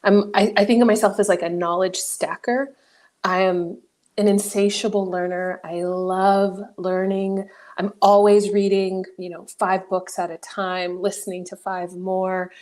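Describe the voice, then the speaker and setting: Speaking in an unhurried, medium-pitched voice, a New Mexico woman in her forties shares her life story as a guest coach being interviewed. She comes across reflective and animated, with frequent laughter.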